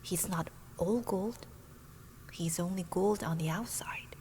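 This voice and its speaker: A woman whispering as a gentle little male bird. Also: fairly low pitch, slow pace, slight background noise. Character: small male bird, gentle and polite traveler. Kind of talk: whispered role-play.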